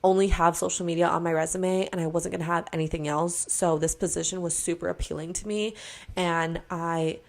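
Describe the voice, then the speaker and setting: A woman's voice: on the low side, steady tone, brisk, creaky. A woman in her twenties talking casually and earnestly in a sit-down podcast-style vlog, filling her sentences with "like" and "you know.". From Hawaii. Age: 20s. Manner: chatty, filler-heavy, earnest. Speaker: vlogger. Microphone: camera mic, sit-down framing.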